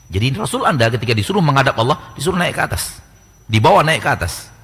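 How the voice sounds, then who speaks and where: A man's voice: mid-range voice, big pitch swings, quick pace, fairly bright tone, slightly rough. A man preaching a lecture sermon, full of rhetorical questions and mock back-and-forth dialogue. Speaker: Islamic preacher. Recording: long reverb hall.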